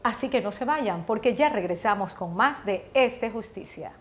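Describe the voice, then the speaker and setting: A female presenter reads formal programme links. Her voice is mid-pitched, with faint music underneath. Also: lively intonation, moderate pace. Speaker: programme host.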